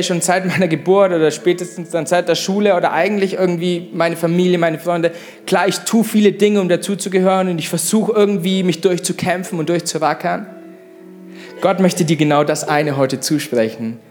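A young man preaches to a church congregation in a direct, casual way, often turning to the listener with a "hey". His voice sits a little high for a man. Soft instrumental music plays faintly beneath his words. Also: steady tone, a little fast. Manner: informal preaching with many "hey" asides. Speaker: pastor. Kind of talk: sermon. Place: church service.

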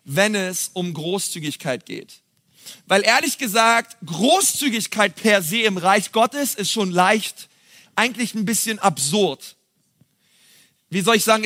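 A male pastor giving a lively sermon, reading scripture aloud and talking directly to the congregation in a conversational way. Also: high voice. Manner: reads scripture aloud and then comments on it.

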